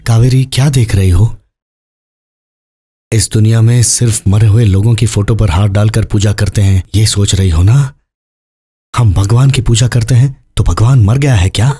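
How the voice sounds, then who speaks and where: A man's voice: fairly low pitch, steady tone, normal speed, warm tone, husky. A man voicing a heartbroken young man who pleads emotionally in a dubbed film. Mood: tender.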